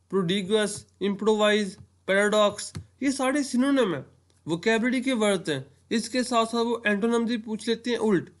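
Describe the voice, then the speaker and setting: A man from Pakistan giving an explanatory lecture on entry tests, walking through worked examples step by step. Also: high-pitched. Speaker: entry test teacher.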